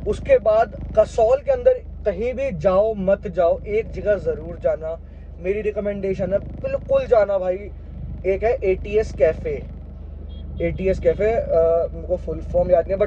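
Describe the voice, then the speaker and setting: Young man, high-pitched voice, casual travel vlog, chatty, explains step by step, dull audio, faint background noise. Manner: chatty, explains costs step by step, mixes Hindi with English. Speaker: travel vlogger. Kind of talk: casual vlog talk to camera.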